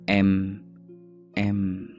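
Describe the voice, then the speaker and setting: A man's voice: deep voice, completely flat delivery, drawn-out words, faint music behind. A man reading a story, voicing a shy young woman in love who speaks hesitantly. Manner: hesitant, soft.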